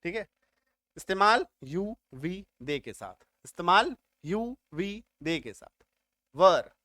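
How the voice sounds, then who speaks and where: A man's voice: high voice, big pitch swings, slow, bright, forceful tone, dry recording. A man teaching English grammar step by step, often stopping to check whether his students have understood. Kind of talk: spoken grammar lesson.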